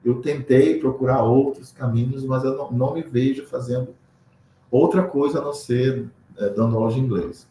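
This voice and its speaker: A man's voice: medium pitch, fairly even intonation, normal speed, mellow. A man from Brazil, an English teacher, explaining in a casual interview, often acting out pronunciations and adding tag questions. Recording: roomy echo with faint background noise.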